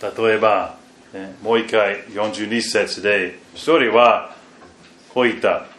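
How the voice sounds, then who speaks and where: A man preaching a sermon and reading scripture, halting and restarting, with phrases that often fade very quietly at the end. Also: fairly low pitch, steady tone. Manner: slow and halting, with repeated fillers and restarts. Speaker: pastor. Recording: echoey room, faint background noise.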